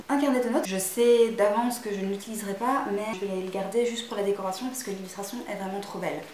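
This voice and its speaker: A woman's voice: mid-range voice, echoey room. A young woman hosting a casual vlog, chatty and self-mocking, with crude jokes. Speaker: vlogger showing a shopping haul.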